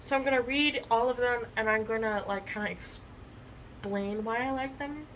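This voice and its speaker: Young woman reading kids books out loud, chatty, bright voice, a bit high. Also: moderate pace, slight background noise, rough recording. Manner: chatty, many fillers. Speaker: storybook reader. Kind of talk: casual chat and read-aloud storytelling.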